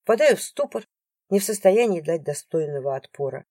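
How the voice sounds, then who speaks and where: A woman reading a first-person audiobook in an expressive, emotional way. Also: lowish voice, a little fast, no echo, studio quality. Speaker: audiobook narrator. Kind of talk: first-person scripted narration.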